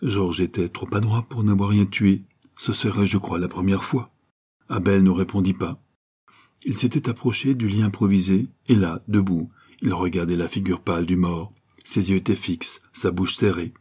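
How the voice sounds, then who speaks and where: Low dark husky guy reading an audiobook, steady. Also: moderate pace. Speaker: narrator. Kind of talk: audiobook narration.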